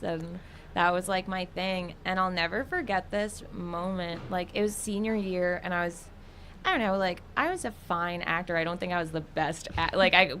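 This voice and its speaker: A young New York City woman, a guest artist in an interview, chats casually in a fairly low, slightly bright voice, saying "like" often and laughing easily. A little hiss or hum can be heard.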